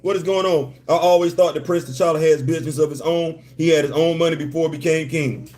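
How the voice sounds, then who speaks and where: Hosting a live stream, this New Yorker with a faint Southern tinge speaks briskly in a slightly high, darkish voice with a steady tone. His animated commentary comes in punchy, slang-filled bursts, with repeated lines and shout-outs to newly joined viewers.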